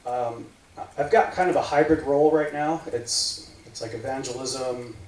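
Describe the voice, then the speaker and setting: A man in his forties from the United States gives a casual tech talk at a meetup, rambling and leaning on fillers like "right, like." His voice is medium-pitched and darkish, at a moderate pace. It's recorded from far off in an echoey meeting room with faint noise.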